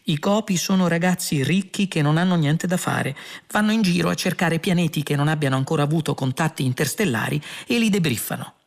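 A man's voice: on the high side, brisk, creaky, pitched above the performer's own voice. A man voicing Ford, a cheerful, smug alien who talks in a breezy, teasing way in an audiobook. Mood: amused. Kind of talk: audiobook character voice.

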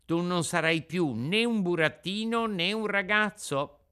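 A kindly little female marmot, as a man puts her on in a storybook reading, gentle and solicitous, sighing as she consoles. The voice sits well above a man's usual pitch, with a bright, clear tone. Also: unhurried. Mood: consoling.

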